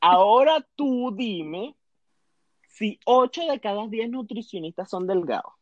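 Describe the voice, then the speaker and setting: Co-hosting a comic podcast of mock advice, a man speaks slowly in a high-sitting, lively voice that swoops around, dripping with theatrical mockery. He performs other people's quoted lines in exaggerated voices. The audio is dry and slightly dull, with no room echo.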